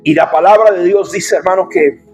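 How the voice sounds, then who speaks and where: Un pastor de voz muy aguda predica con urgencia y énfasis, y a ratos estalla en gritos. De fondo suena una música suave y tenue. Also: male voice, high voice, normal speed, faint music behind. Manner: emphatic, urgent, bursts into shouting. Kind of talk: sermon.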